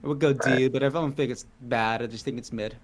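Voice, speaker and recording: A man's voice: mid-range voice, steady tone, fairly quick, noisy background. A man co-hosting a podcast in casual chat, hesitant and repeating himself. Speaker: podcast co-host.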